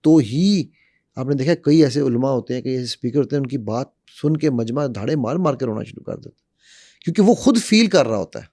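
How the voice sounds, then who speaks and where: A man's voice: medium pitch, animated, a little fast, dark tone, no room sound, studio quality. A middle-aged man explaining public speaking as an interview guest, demonstrative and fond of repeated examples. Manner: demonstrative, uses repetition and acted examples. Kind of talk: animated explanatory talk.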